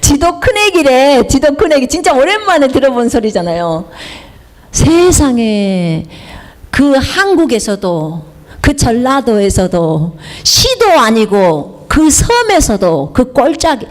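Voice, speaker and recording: A middle-aged woman missionary with a Jeolla accent, preaching a sermon in a chatty way, telling personal stories and asking the congregation questions. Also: high voice. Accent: Jeolla Korean. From South Jeolla, Korea. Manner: chatty, asks the congregation questions, slips into dialect.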